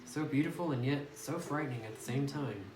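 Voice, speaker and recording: A man plays a horror visual novel for a let's play, reading lines aloud fairly quickly at medium pitch and reacting nervously to scares. Music plays in the background, and the phone recording is distant, roomy, and noisy.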